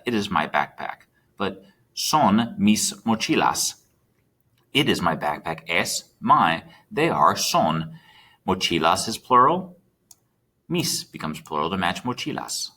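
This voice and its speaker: A man's voice: low-pitched, very animated, takes it slowly, bright, forceful tone. A man teaching a recorded Spanish lesson, chatty and checking in with his students as he types. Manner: chatty, checks in with students, talks while typing.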